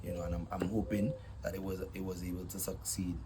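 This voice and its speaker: Young man, very low voice, easygoing interview chat, loud noise behind. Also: flat delivery, fast. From Saint Vincent and the Grenadines. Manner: laid-back, many fillers and "yeah, man". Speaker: DJ and event promoter guest.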